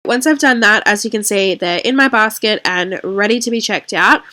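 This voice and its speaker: A young Australian beauty vlogger with a medium-pitched, sharp voice sounds congested and nasal. Speaking at a normal speed, she chats casually through a makeup review and fills her talk with constant "like."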